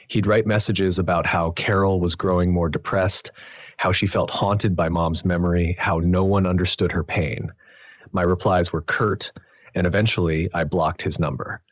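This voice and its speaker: A man narrating a first-person family drama story in a steady, dramatic way. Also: low-pitched, breathy edge, no echo. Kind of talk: scripted narration.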